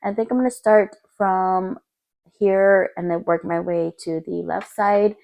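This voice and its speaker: A young woman vlogging at home with a gravelly, just-woken-up morning voice. She talks in a chatty, upbeat way, full of casual fillers, at a middle pitch. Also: steady tone, unhurried, a little mellow. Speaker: beauty vlogger. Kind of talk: casual makeup declutter vlog. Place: home room by a window in morning light.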